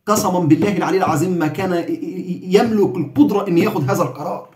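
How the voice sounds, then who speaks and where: A man's voice: high-pitched, very fast, a little mellow, echoey room. A man with an Egyptian accent giving heated, sarcastic political commentary.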